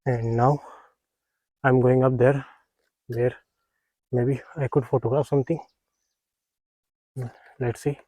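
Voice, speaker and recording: A man narrating a casual outdoor wildlife vlog in a halting, unhurried, understated way. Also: mid-range voice, little pitch movement, mellow, no echo. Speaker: wildlife photographer vlogger. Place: outdoors in nature, close dry sound.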